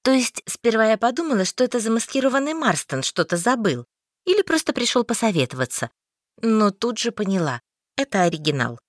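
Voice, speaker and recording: Woman narrator, audiobook fiction, wry, expressive, very lively melody, dry close sound. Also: mid-range voice, no echo. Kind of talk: first-person fiction reading.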